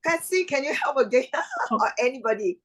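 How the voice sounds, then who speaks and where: Upbeat woman emcee on a video call, high voice, formal phrasing. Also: huge pitch swings, normal speed, low-quality recording. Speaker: event host. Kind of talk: online event emceeing.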